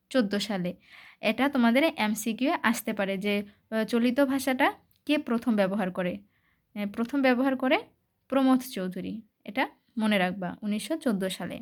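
A woman tutor with a slightly high voice leads an exam-prep lesson. She talks straight to her students, repeating the key points and filling pauses with small hesitations. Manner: repetitive, addresses students directly, with fillers. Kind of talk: exam-focused classroom lesson.

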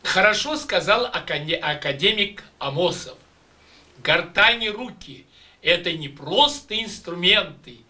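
In a small room hung with patterned curtains, an older man from Russia demonstrates exercises and addresses his voice students. His pitch is fairly high and his tone sharp, and his delivery is slow, deliberate, emphatic and declamatory. The audio comes from a distant camera microphone.

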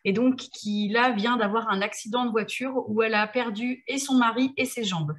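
A woman reading a passage from her own novel aloud in a steady, measured way. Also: fairly high pitch.

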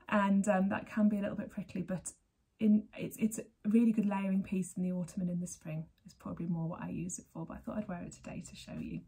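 Warm, slightly rough and mid-range, her voice carries a relaxed knitting podcast she hosts from a sunny living room. The Berkshire woman, in her thirties, chats to camera at desk distance, rambling and laughing often.

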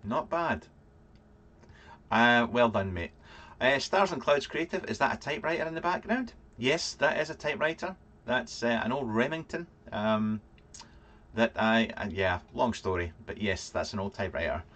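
A man's voice: mid-range voice, animated, normal speed, a bit bright. A man in his thirties with a Fife Scottish accent, hosting a casual livestream vlog, rambling and dryly joking as he answers chat comments. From Fife, Scotland. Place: small cluttered home room, indoors.

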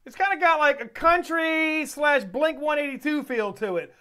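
A man's voice: very high-pitched, moderate pace, bright, forceful tone. A man hosting a music reaction video, talking in a folksy, rambling, easygoing way. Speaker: music reaction channel host. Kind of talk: casual reaction commentary.

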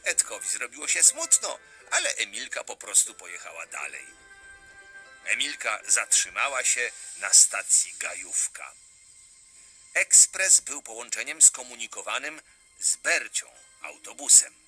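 A man reading a children's story aloud, expressive and animated. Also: mid-range voice, a little slow, faint music behind.

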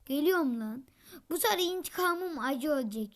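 A woman host giving gameplay commentary, taunting her opponents and breaking into frustrated shouts. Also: expressive, normal speed, faint music behind. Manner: trash-talking, taunting opponents; bursts into frustrated high shouts. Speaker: gaming channel host.

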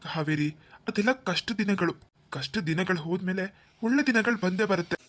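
A woman playing a gentle, devoted older brother. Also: on the low side, background noise, natural voice. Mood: reassuring. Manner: soothing, fatherly, quick reassurance. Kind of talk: cartoon voice acting.

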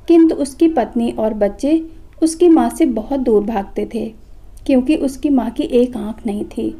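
Calm woman narrating a moral story. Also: on the high side.

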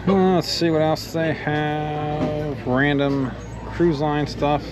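A man's voice: on the high side, level tone, slow. A man casually narrating a walk through an outlet store, chatting and reading out prices as he browses. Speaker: podcast host walking through an outlet store. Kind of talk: casual walkthrough commentary. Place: indoor retail outlet store. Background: loud store music.

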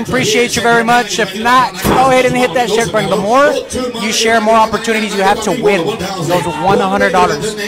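A man hosting a car auction live stream with upbeat, slangy, bilingual promotional patter in a crowded covered outdoor lot. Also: very high-pitched. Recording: loud crowd around the voice. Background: loud crowd.

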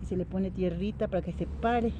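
A woman's voice: mid-range voice, fairly even intonation, brisk, dull audio. Ecuadorian woman planting in a noisy garden. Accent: Ecuadorian highland Spanish. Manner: chatty, step-by-step, repetitive, addresses viewers as friends. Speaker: home gardening vlogger. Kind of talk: casual how-to vlog. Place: outdoor vegetable garden. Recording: outdoor noise, animals and traffic.

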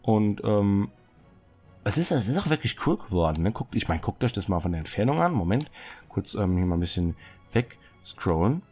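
With soft music in the background, a young builder with a cold guides viewers around his Minecraft city, pausing at times to clear his throat. He has a lowish voice at a normal speed, and he chatters excitedly and fidgets, rambling with lots of fillers.

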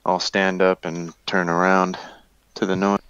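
A man's voice: low voice, a little slow, clear, resonant tone, highs cut off. A man playing a tabletop role-playing game, joking and jumping in and out of character. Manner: lively, joking, jumps into character. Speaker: player. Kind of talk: casual tabletop role-play.

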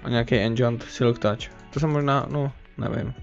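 A young man chatting casually during a game, calmly calling out tactics to a friend. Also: mid-range voice, gravelly, faint music behind. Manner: relaxed, calls out tactics, says dude a lot. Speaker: gamer. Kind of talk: casual gaming chat. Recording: dull lo-fi mic.

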